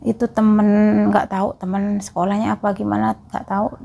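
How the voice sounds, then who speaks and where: A woman's voice: medium pitch, level tone, fairly quick, gravelly, mellow. A woman from East Java, a migrant caregiver chatting casually to her viewers in a vlog and often calling them friends. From East Java, Indonesia.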